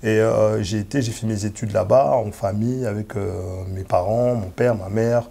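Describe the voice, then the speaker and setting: A man's voice: fairly low pitch, steady tone, moderate pace, vocal fry, mellow. A man, talking hesitantly as an interview guest and mixing in Lingala. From DR Congo, raised in Kinshasa. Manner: hesitant, many fillers and restarts.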